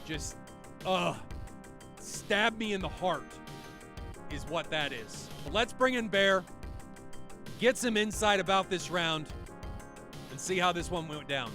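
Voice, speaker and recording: A man calling a match live as a caster, quick and excitable, shouting at the big moments. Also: sits high. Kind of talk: live play-by-play commentary. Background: music.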